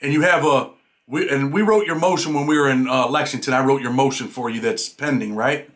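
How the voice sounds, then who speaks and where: A man's voice: mid-range voice, a little fast, a crowd in the background. A man interviewing someone by phone, asking direct questions in an informal way. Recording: noisy recording with clicks.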